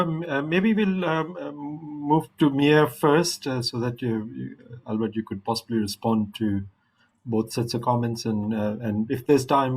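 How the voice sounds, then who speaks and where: Husky man moderating a panel. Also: medium pitch, darkish tone, rough recording.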